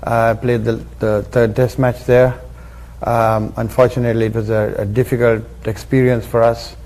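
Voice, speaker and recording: A man speaks at a press conference in a measured, reflective way, with many pauses and fillers. His mid-range voice stays flat and even throughout. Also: medium pitch. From Sri Lanka. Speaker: former international cricketer.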